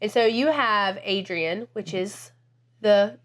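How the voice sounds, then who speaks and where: Woman, 30s, podcast co-host, emphatic casual talker, medium pitch. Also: takes it slowly. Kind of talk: casual chat.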